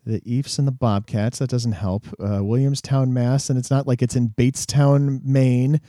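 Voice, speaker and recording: A man co-hosting a casual sports podcast, relaxed and chatty, with frequent fillers and chuckles. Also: medium pitch, normal speed, dry recording, studio quality. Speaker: podcast co-host.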